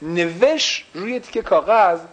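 Male teacher, slightly high voice, questions the class and drops in English phrases. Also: animated, highs cut off, a crowd in the background. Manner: explains with repeated rhetorical questions; mixes English phrases into Persian. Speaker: religious teacher.

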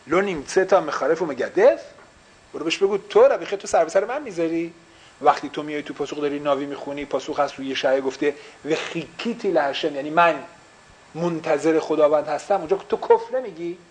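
Higher-voiced man teaching a class. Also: poor audio. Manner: explains with repeated rhetorical questions; mixes English phrases into Persian. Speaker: religious teacher.

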